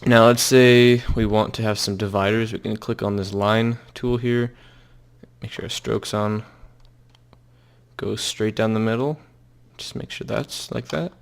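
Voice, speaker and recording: A young man casually walking through a software tutorial, loose and halting with lots of fillers and restarts. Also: lowish voice, steady tone, gravelly, clear, resonant tone. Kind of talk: casual screen-recorded tutorial.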